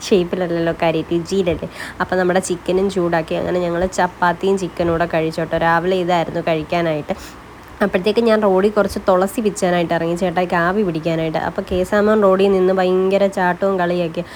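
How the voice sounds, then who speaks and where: A woman's voice: fairly low pitch, level tone, fast talker, darkish tone, a little hiss or hum. A woman vlogging about her day in a chatty, casual way, often tagging friendly asides onto her sentences. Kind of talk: casual daily-life vlog narration.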